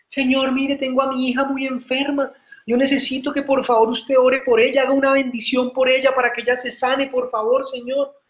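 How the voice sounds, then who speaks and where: An imploring mother speaks in a raised, higher voice, as a male preacher puts her on. The sound is dull and echoes around a roomy hall. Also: flat delivery, brisk. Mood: pleading. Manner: pleading, raised voice. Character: desperate, pleading mother, later overjoyed.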